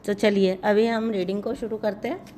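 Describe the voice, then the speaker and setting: A woman's voice: medium pitch, steady tone, moderate pace, warm tone, a little hiss or hum. Giggly, chatty woman tarot reader. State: voice going hoarse. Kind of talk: casual chat to viewers.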